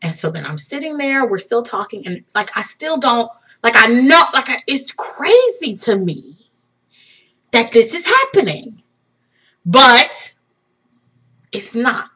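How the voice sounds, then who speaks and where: A woman vlogger telling a story in casual chat, excitable and tearful, laughing and choking up as she talks. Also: on the high side, slow pace, pauses often, slightly rough. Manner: excitable, gushing, breaks into laughter and tears.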